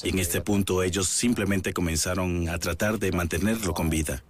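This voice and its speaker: Low-voiced male detective recounting a case, voiced by an actor. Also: steady tone, moderate pace, noisy background, natural voice. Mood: sober. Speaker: dubbed police detective interviewee. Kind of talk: dubbed documentary testimony.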